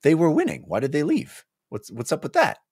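A book club podcast host gives an animated, jokey recap of a novel, acting out the characters' lines in casual chat. His voice is fairly high, a little fast and husky, recorded cleanly with no echo on a close boom-arm studio mic in a small home studio.

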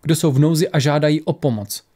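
A man voicing a wizard who makes a formal offer slowly and ceremoniously. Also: fairly high pitch, dark tone, natural voice.

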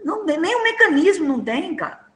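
A man explains things bluntly and emphatically, with plenty of casual slang. His pitch moves a lot, and the room around him echoes. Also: big pitch swings, fast.

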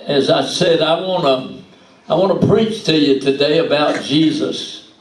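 An older man preaching a sermon into a handheld mic at the pulpit of a small church, measured and punctuated with amens. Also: a little high. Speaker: pastor. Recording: echoey church heard from a distance.

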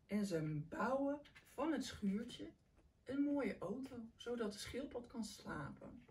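A woman reads a bedtime picture book aloud to children, animated and unhurried. Her pitch rises and falls widely and sits a bit high. It sounds a little distant from the mic. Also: a little hiss or hum. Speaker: children's storyteller, clown.

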